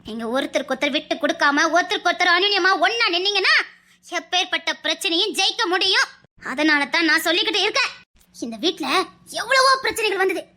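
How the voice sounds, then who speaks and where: A woman's voice: extremely high pitch, lively intonation, brisk, bright, forceful tone, full character voice. A woman playing an elderly mother-in-law who earnestly pleads and lectures her family, with a Tirunelveli Tamil accent. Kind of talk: family web-drama acting.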